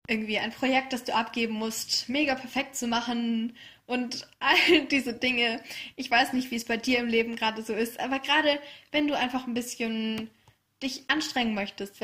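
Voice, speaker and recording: A woman hosting a solo self-help podcast, talking in a gentle, encouraging way and laughing softly now and then. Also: a little high. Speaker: podcast host.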